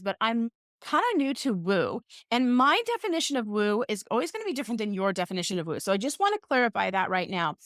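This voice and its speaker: A woman's voice: mid-range voice, fairly bright tone, clear, resonant tone, dry recording, clean studio sound. A woman hosting a podcast, telling a story in a playful, self-mocking, casual way. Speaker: podcast host.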